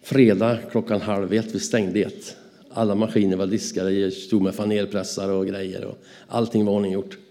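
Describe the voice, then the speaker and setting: A Swedish man with a low, mellow voice tells anecdotes. He's animated and acts out the dialogue in his stories.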